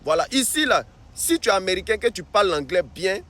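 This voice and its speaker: High-voiced man vlogging outdoors. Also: big pitch swings, brisk, pushed and bright. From Africa. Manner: repetitive, restarts sentences, keeps saying "voilà". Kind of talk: casual advice vlog.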